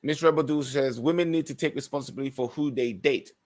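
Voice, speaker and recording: A man with a mid-pitched voice hosts a live podcast. He reads out comments from viewers and responds with his own commentary. His manner is earnest and opinionated, with some stumbling restarts as he reads. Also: quick pace, a little mellow. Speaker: podcast host.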